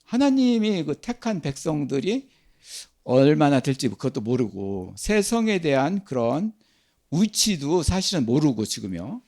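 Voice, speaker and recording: A man's voice: on the high side, very animated, a little slow, darkish tone. An older man preaching a sermon as pastor, asking and answering his own questions.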